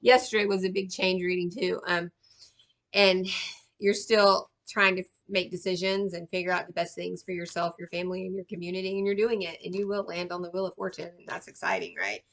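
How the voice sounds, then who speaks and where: A woman's voice: fairly low pitch, fairly quick, a bit bright. Chatty woman giving a tarot reading. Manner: chatty, reassuring, many fillers and tag questions. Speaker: tarot reader. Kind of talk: casual tarot reading for viewers.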